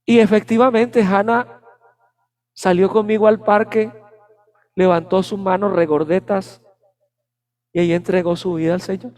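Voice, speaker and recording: A male preacher delivers a sermon full of personal anecdotes. His voice sits high, and he acts out the moments he describes. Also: a little mellow. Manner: storytelling, dramatizing anecdotes. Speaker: pastor.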